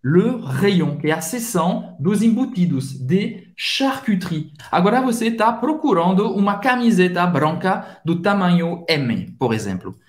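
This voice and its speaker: A man teaching a language lesson, saying phrases slowly and repeating them for pronunciation. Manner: slow, drawn-out pronunciation drills with lively pitch. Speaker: French teacher. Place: room in France. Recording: echoey room.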